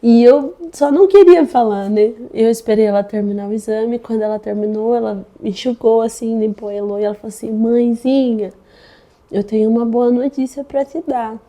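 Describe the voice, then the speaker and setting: Young brazilian mom telling a church testimony, soft mellow voice kinda high, repeats herself a lot. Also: female voice, fairly quick. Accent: Brazilian Portuguese. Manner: earnest, devout, repeats phrases. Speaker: mother giving a testimony. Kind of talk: emotional faith testimony.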